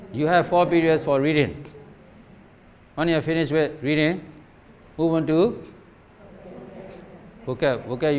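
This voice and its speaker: Slow-spoken man lecturing teachers. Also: on the high side. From Myanmar. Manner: rhetorical questions, repeats "right?" and "okay?". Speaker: teacher trainer. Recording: faint background noise.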